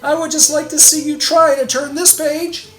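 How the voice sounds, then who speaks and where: Pitched above her natural voice, a woman reads a storybook aloud as Grover, a timid furry monster. Her high voice is fairly bright with a level tone. She plays him frantically pleading, with drawn-out begging.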